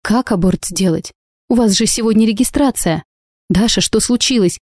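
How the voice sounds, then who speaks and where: A woman voices an indignant, protective friend in a sharp tone, at medium pitch and normal speed. The character sits above the performer's own voice yet close to an everyday one, recorded dry with studio quality.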